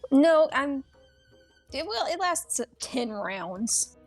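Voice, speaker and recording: A woman playing a tabletop game, animated and blunt, swearing freely as she describes her character. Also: high voice, extremely slow, soft background music. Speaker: player. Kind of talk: casual tabletop game chat.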